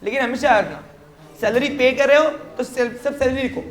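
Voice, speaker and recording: A man's voice: extremely high pitch, normal speed. A man teaching a commerce class in a classroom, explaining step by step and often quizzing his students with short check questions. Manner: mixes English terms into Hindi explanation. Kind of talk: classroom lecture. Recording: roomy classroom echo.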